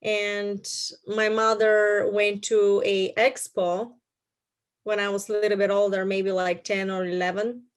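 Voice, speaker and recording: A middle-aged woman from Bulgaria with a Bulgarian accent, telling her story as an interview guest in a halting way with many fillers. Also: mid-range voice, little pitch movement.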